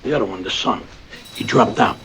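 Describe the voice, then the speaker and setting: A man's voice: fairly low pitch, fairly quick, a bit bright, husky, poor audio. An actor playing a volatile, blunt male mobster in a television crime drama. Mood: blunt talk.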